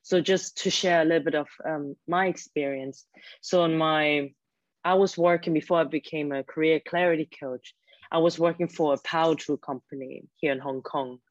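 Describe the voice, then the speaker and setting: A German-born career coach speaks in a low, fairly even voice at a moderate pace, earnestly explaining advice as an interview guest and frequently restarting her words. The recording is dull, dry lo-fi with no echo.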